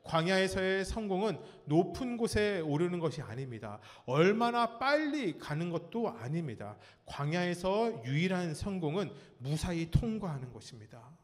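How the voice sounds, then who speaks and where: A male pastor delivers a storytelling sermon in a church sanctuary, his fairly high voice rising and falling in wide swings. He pauses to put questions to the congregation and dramatizes the moments of his story. A long reverb trails behind every phrase. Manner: animated storytelling, acts out cries and quotes.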